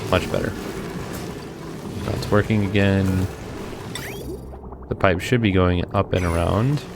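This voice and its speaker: A man giving casual commentary while he plays a video game, thinking out loud and talking to himself as he plays. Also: sits low, unhurried, very noisy. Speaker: gameplay video host.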